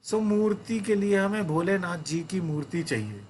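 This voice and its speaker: A man's voice: high voice, lively intonation, normal speed, a little mellow, a little hiss or hum. A man doing an eager villager asking a favor. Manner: eager, rambling request. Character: eager male villager asking for a temple idol.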